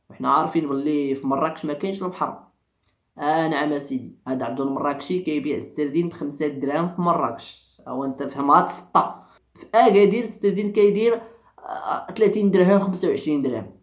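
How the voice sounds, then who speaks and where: Fairly bright in tone and on the high side, the Moroccan-accented voice of a social commentary vlogger echoes through the room. He rants fierily, repeating points and throwing rhetorical questions at his audience.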